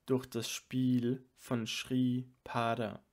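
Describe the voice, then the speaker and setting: A man's voice: medium pitch, completely flat delivery, drawn-out words. A man reading as a wondering divine monk. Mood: wondering, tender. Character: loving divine male monk, full of wonder.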